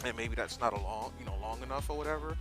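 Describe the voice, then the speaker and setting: Riding along, an American man chats from inside his motorcycle helmet for his vlog, meandering and easily correcting himself as he goes. He talks quickly at a medium pitch, and music plays behind him.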